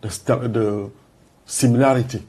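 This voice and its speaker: A man from Cameroon, a coffee roaster guest, talking in halting, short plain sentences in a casual interview. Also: medium pitch, steady tone, warm tone, slightly rough.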